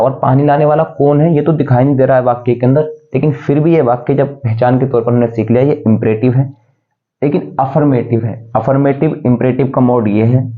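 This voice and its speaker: Male tutor, mid-pitched, methodical classroom explainer, lo-fi tinny recording. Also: steady tone, normal speed. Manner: explains step by step, asks and answers own questions. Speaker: English grammar teacher. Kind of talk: classroom lesson. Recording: tinny phone-like sound.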